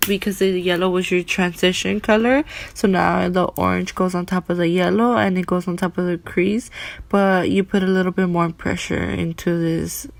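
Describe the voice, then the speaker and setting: A woman's voice: on the low side, steady tone, normal speed, gravelly. A young woman casually narrating a makeup tutorial as a beauty vlogger, speaking with her mouth held slightly open around braces.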